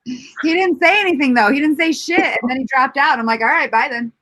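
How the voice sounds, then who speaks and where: A woman from Rockford, Illinois chatting casually on a stream, relaxed and swearing offhandedly. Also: high-pitched, fairly quick, dry recording, low-quality recording. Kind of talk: casual chat.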